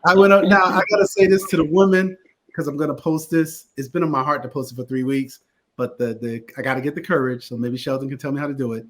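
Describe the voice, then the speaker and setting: A man from Connecticut, a guest attorney and theater producer, telling stories in a casual interview with animated delivery. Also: fairly high pitch, fast talker, a little hiss or hum. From Connecticut, USA. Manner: animated storyteller, lively voices in anecdotes.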